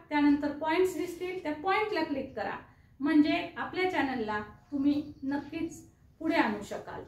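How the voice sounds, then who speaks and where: Woman, Marathi accent, very high voice, echoey room, a bit far from the mic, patient teacher. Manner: patient, spells words out slowly and repeats them. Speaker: English teacher. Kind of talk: explaining lesson to students.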